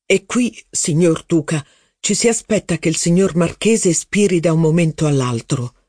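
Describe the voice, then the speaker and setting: A man's voice: fairly high pitch, normal speed, a little mellow, dry recording, studio quality, lightly acted. A man reading the lines of an anxious, servile footman in an audiobook. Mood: eager. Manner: deferential, reporting news eagerly.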